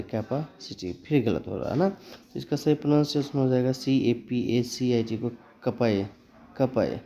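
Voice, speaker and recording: Speaking in a dark-toned, mid-range voice, a man teaches spoken English pronunciation. The English teacher moves slowly and deliberately, spelling each word letter by letter and blending Hindi with English.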